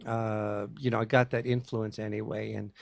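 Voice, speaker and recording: Gravelly older man from New York City. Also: lowish voice, flat delivery, moderate pace, no echo. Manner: rambling, many fillers. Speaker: interview guest, music producer. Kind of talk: casual interview talk. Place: radio studio.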